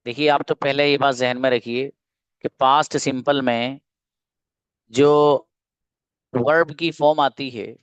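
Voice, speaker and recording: A man teaching English grammar in an online class, patiently explaining and slowly repeating example sentences, using Urdu-flavored Hindi. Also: medium pitch, dry recording.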